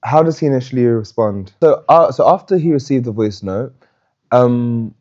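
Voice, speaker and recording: Outspoken, profane podcast host. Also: female voice, very deep voice, animated, moderate pace, darkish tone, dull audio. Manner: outspoken, profane, laughs often. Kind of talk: casual podcast chat.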